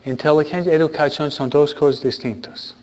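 A priest and teacher speaks informally to a congregation, his voice sitting a little high for a man. He halts, repeats words and keeps checking in with questioning tags. The recording sounds muffled and lo-fi. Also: darkish tone. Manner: halting, restarts words, frequent questioning tags. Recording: dull lo-fi recording.

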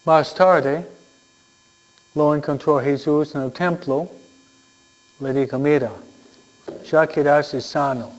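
A man speaking as a priest in solemn church delivery, reading scripture and preaching with deliberate phrasing and frequent pauses. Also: fairly high pitch, fairly even intonation, lo-fi sound. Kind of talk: solemn Gospel reading and homily.

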